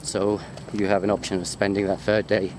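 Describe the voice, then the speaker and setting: Walking through botanical gardens, a low-voiced British man speaks a little fast with a level tone. A university lecturer, he chats casually and without a script for a video, rambling, easily sidetracked and jokey. His handheld wide-angle sports camera captures ambient outdoor noise as he moves.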